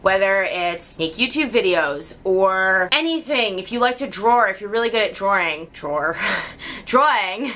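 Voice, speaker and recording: A woman's voice: medium pitch, expressive, moderate pace, hardly any pauses, a bit bright. A young woman with a regional American accent talking candidly to her camera in a personal vlog, laughing often. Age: young adult. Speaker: YouTuber.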